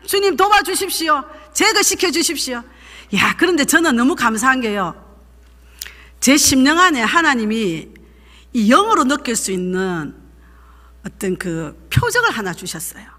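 Woman, high bright voice, fervent preaching, echoey church hall. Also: sing-song, normal speed. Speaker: pastor's wife leading a seminar. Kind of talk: sermon testimony. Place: church sanctuary.

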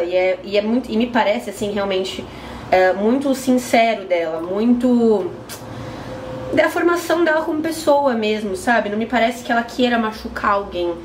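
A young woman with a Brazilian Portuguese accent, chatting to camera as a book vlogger while she trims plants on an apartment balcony. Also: medium pitch. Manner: chatty, trimming pepper plants while talking. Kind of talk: casual chat to camera. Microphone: camera at close range. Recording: roomy echo, faint background noise.

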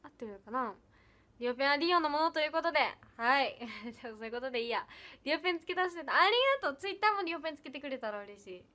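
A woman's voice: sits high, lively intonation, racing, bright, forceful tone. A young woman, chatting casually on a livestream, giggly and chatty as she reads comments and thanks viewers. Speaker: idol livestreamer.

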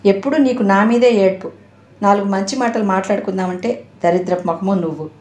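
A woman's voice: medium pitch, a little fast, darkish tone, close to an everyday voice. A woman voicing a grumbling, self-serving middle-aged father who snaps at his wife, recorded in an echoey room. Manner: grumbling, scolding.

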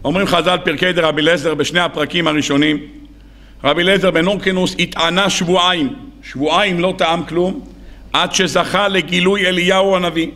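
A rabbi giving a sermon, telling a story in an animated way and acting out its dialogue. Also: male voice, sits high.

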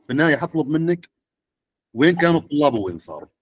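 A man's voice: a little high, big pitch swings, racing, slightly rough, no echo. A middle-aged man, lecturing teachers and often checking with the audience. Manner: questioning the audience.

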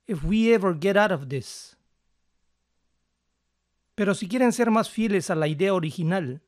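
High-voiced man teaching pronunciation. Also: dry recording, studio quality. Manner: calm, methodical, slows down to model words. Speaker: language teacher. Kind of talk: explaining English pronunciation to learners.

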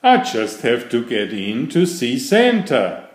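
A man's voice: mid-range voice, wildly swooping pitch, slow, reverberant. A man voicing an anxious young male turkey in a read-aloud storybook, plaintive and fretful.

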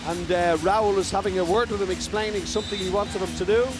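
A man giving live handball commentary in short, emphatic, excitable phrases. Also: high-pitched, quick pace, music in the background, poor audio. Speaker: sports commentator. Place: large indoor sports arena with crowd.

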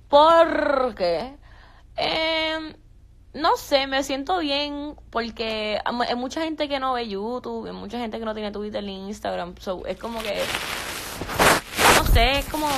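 A woman's voice: a little high, a bit bright, slight background noise. A young woman, chatting on a phone live stream, reading viewer questions aloud and answering casually. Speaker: social media creator.

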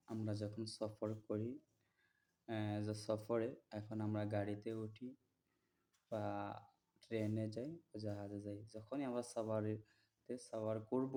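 A man teaching listeners to memorize prayers, chanting each word slowly and repeating it, then explaining plainly and checking that they follow. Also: fairly low pitch, warm tone. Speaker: religious teacher.

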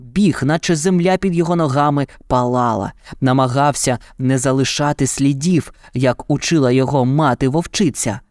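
A man narrating a children's fairy tale in an even, dramatic storytelling manner. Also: mid-range voice, normal speed, hardly any pauses, no echo, clean studio sound.

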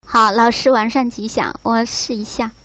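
A woman student practicing a phrase aloud with careful, unhurried repetition. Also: a little high, fairly even intonation, fairly bright tone, no echo, rough recording. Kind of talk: practicing aloud in an online class.

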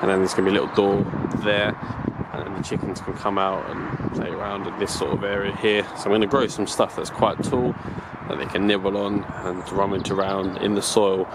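Here a deep-voiced man talks a little fast with hardly any pauses, narrating a casual walking tour of his allotment. He's chatty, rambling and self-correcting, filming it himself outdoors on a handheld camera whose mic picks up steady background noise.

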